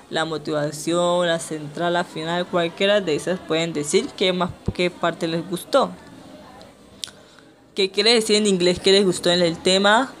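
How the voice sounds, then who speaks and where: A woman teacher giving a language lesson, slowly drilling vocabulary and having students repeat after her. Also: fairly low pitch. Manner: slow, deliberate, has students repeat words.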